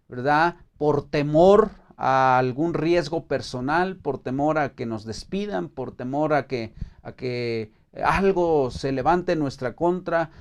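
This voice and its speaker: Male Bible teacher, Mexican accent, somewhat high voice, searches for words as he explains scripture. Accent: Mexican Spanish. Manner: hesitant, many fillers and restarts, reads scripture aloud. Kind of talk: informal Bible study teaching.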